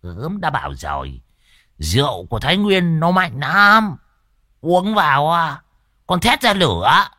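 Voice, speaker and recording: A man voicing a middle-aged man who teases a young master in a drawn-out, mocking tone. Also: on the high side, big pitch swings, sharp tone, no echo, clean studio sound, pitched above the performer's own voice, exaggerated voice.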